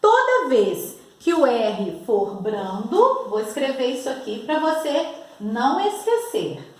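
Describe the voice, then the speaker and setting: A Brazilian woman teaching young children to spell, slow and over-enunciating as she talks straight to the child. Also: a little high, sing-song, darkish tone. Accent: Brazilian Portuguese. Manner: patient, over-enunciating, addresses the child directly. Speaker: primary school teacher. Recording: echoey room.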